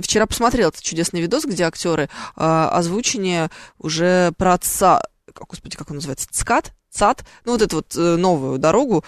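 A woman's voice: on the low side, dry recording. Brief: woman radio host, chatty and playful, dry close studio mic. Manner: chatty, playful, thinks aloud with fillers. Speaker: radio traffic show host. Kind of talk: live call-in radio chat. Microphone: studio microphone.

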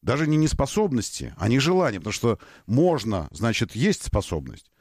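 A man's voice: mid-range voice, huge pitch swings, fairly quick, a little mellow, husky, dry recording, studio quality. A man hosting a casual radio talk show, joking and ironic as he chats with his co-host. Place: radio studio.

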